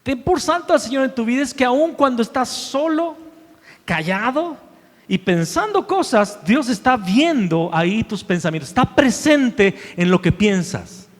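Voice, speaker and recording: A man preaching a sermon as pastor, emphatic, repeating key phrases and swinging between loud declarations and hushed asides. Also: very high-pitched, animated, unhurried. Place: church sanctuary. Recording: long hall reverb.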